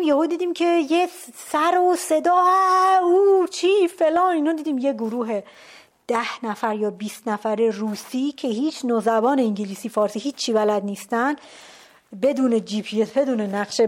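A woman tells a personal story in a relaxed, conversational way. Her voice sits a little high, and she keeps the telling animated. She sinks to a hushed whisper at tense moments and often breaks off a word to start again. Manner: trailing off and restarting mid-word. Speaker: storyteller recounting a climb. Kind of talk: casual spoken storytelling.

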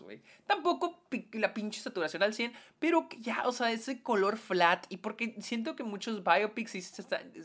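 A woman with a Mexican accent giving a casual film review, slangy and animated, with many filler words. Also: fairly low pitch.

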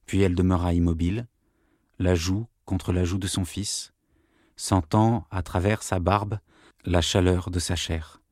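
A man reading a novel aloud, restrained and low. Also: little pitch movement, a little slow, darkish tone, dry recording, studio quality. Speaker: reader. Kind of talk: audiobook narration.

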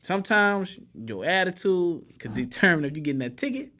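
A man with a slightly high voice tells police stories with lots of energy, jumping between voices as he acts out both sides. His speech is loose and slangy, and he swears freely. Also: fairly quick. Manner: animated storyteller, acts out both sides of traffic stops. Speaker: police officer guest. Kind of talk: casual podcast chat.

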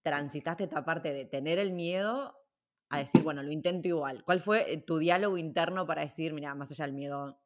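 A woman's voice: low voice, a little fast. A woman with an Argentine accent hosting a podcast interview, effusive toward her guest. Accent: Argentine Spanish. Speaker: podcast host. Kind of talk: casual interview chat.

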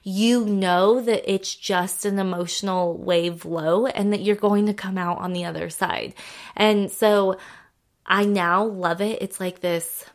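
Chatty woman coach, lively quoted asides. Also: medium pitch, slow pace. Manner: chatty, lots of "like", acts out quoted thoughts in brighter voice. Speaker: podcast host and coach. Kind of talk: casual explanatory monologue.

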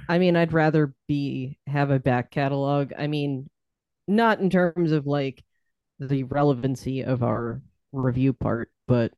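A man's voice: mid-range voice, fairly even intonation, measured pace, clean tone, dry recording, muffled recording. A man co-hosting a podcast, making dry, wry remarks in a casual chat over beers. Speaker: podcast co-host.

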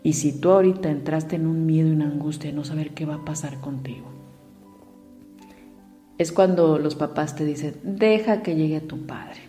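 A woman's voice: low voice, fairly even intonation, moderate pace, long pauses, warm tone, long reverb tail, soft background music. A woman gives a reflective motivational talk and asks her listeners direct questions. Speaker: speaker on emotions.

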